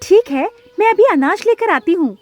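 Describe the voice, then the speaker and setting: A woman voicing a kind, gentle young female sparrow in a cartoon, with a high, pleading manner. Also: expressive, moderate pace.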